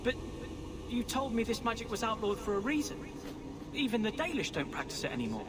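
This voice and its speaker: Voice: mid-range voice, very animated, fairly quick, heavy background noise, natural voice. An actor playing an earnest, unsure young half-elf man in a video game, hesitant and questioning. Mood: doubtful. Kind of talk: video game character acting.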